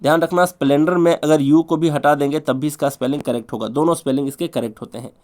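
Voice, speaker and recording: A man teaching an English spelling lesson in Hindi, drilling each word over and over in a sing-song way with quick asides. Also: fairly high pitch, steady tone, a little mellow. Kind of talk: spelling lesson for exam prep.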